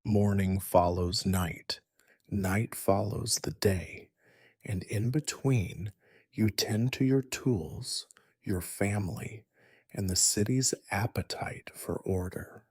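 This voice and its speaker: A man in a soft, breathy whisper, narrating a calm sleep story in slow, measured phrases. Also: fairly low pitch, dry recording, clean studio sound.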